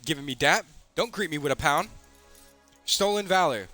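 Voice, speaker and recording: A man's voice: fairly high pitch, lively intonation, moderate pace, pushed and bright, soft background music. A man streaming live, angrily reading out his messages and swearing at a rival. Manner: angry, profane, reads messages aloud. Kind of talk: heated livestream rant.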